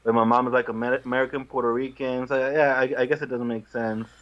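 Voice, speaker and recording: Talking quickly in a flat, medium-pitched voice, this young man from Guatemala is a musician being interviewed casually over a video call. He's easygoing, laughs a lot and is self-deprecating. The audio sounds dull.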